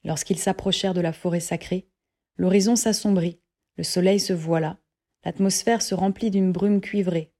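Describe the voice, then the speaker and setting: A woman narrating a literary audiobook in a measured, even reading voice. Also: on the low side.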